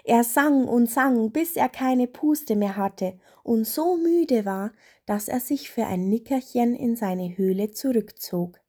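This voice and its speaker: A woman narrating a children's story in a gentle, unhurried way. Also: a little high, expressive.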